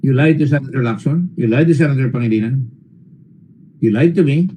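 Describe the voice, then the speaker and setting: A man's voice: mid-range voice, fairly quick, warm tone, a little hiss or hum, low-quality recording. A man with a Filipino accent chairing a formal hearing, questioning a witness sternly, lecturing at length and mixing English and Tagalog. He stalls often on fillers and repeated words. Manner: switches between English and Tagalog mid-sentence.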